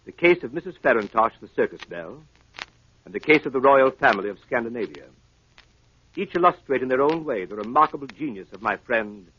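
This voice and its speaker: An actor playing a genial, loyal gentleman doctor in a 1930s radio drama, speaking in a formal, earnest, articulate way. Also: mid-range voice. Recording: dull vintage 1938 radio broadcast.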